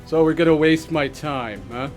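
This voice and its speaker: A man voicing a grumpy, boastful superhuman alien father in deadpan, dismissive parody reaction commentary. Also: fairly high pitch, normal speed, faint music behind, lightly acted. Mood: irritated.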